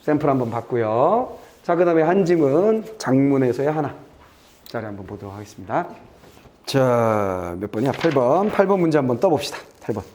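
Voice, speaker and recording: A male Korean exam-prep teacher walking students through a test passage, reading lines aloud and checking in with quick asides that trail off low. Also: expressive, darkish tone. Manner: brisk and chatty, reads aloud then checks "됐지?" and trails off low.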